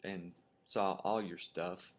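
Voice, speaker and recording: A man's voice: low voice, fairly even intonation, slow. A middle-aged man chatting casually into a webcam at home, joking and chuckling. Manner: jokey, playful, chuckles often. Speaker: co-host of a webcam video. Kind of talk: casual chat.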